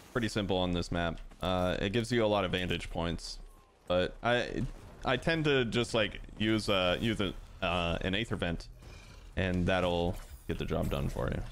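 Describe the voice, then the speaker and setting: A man with a fairly low voice talks through his gameplay in a relaxed, explanatory way, dropping in plenty of "uh"s and "like"s. A faint hiss of background noise sits under the recording. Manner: relaxed, explanatory, frequent fillers. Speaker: gaming channel host. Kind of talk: casual gameplay commentary.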